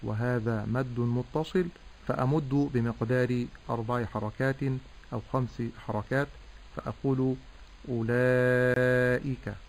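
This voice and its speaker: Measured Arabic Quran reading teacher. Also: male voice, mid-range voice, steady tone, darkish tone, a little hiss or hum, poor audio. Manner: measured, demonstrates sounds by drawing out vowels. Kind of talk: tajweed lesson with recitation.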